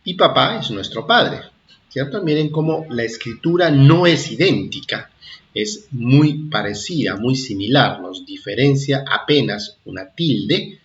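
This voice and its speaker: A man's voice: medium pitch, lively intonation, dull audio. A man teaching a primary school lesson, repeating his points and checking understanding as he goes. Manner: slow, repetitive, checks understanding with "¿ah?" and "¿de acuerdo?". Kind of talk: recorded classroom lesson for children.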